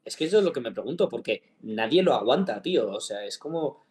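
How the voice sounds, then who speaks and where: Here a fast-talking man with a mid-range voice co-hosts a podcast. Chatting casually, he spins a jokey, animated story recounting a phone call.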